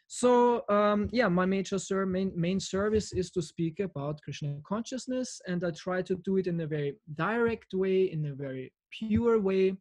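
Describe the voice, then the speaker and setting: A man's voice: high-pitched, a little mellow. Earnest man from Austria on a video call. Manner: earnest, halting with fillers and restarts. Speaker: devotee lecturer. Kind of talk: online talk over video call. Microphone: video call from home camera.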